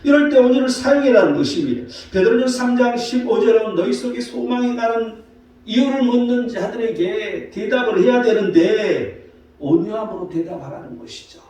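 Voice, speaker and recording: A man's voice: extremely high pitch, a little mellow. A male pastor giving a Sunday morning sermon in a church sanctuary, citing scripture and posing rhetorical questions to the congregation. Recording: very echoey hall from far off.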